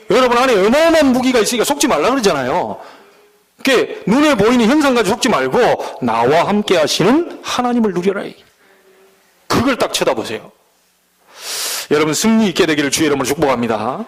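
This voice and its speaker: Middle-aged korean pastor guy from jeolla preaching, high voice that jumps all over, folksy and punchy. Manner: animated, folksy, swings between loud emphasis and low asides. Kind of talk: sermon.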